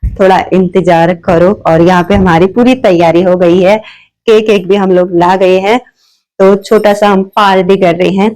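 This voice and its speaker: A woman in her thirties chats to her phone camera from home, telling a personal story. She rambles, circles back, and fills pauses with little hesitations. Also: on the low side, mellow, poor audio. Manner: chatty, rambling with many fillers and restarts. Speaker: vlogger. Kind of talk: casual storytelling vlog. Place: at home, seated. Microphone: phone propped in front of her.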